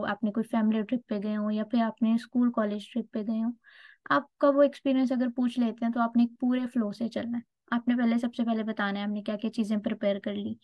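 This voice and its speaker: Woman teacher, fairly high voice, dull dry lo-fi recording. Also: dry recording. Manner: explains step by step, keeps checking with "ठीक है?". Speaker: IELTS prep teacher. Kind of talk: online lecture.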